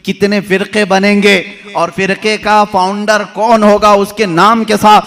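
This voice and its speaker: A middle-aged male preacher giving a sermon, swinging from loud poetic recitation to hushed storytelling. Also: high-pitched, flat delivery, measured pace. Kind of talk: Urdu-Hindi religious sermon.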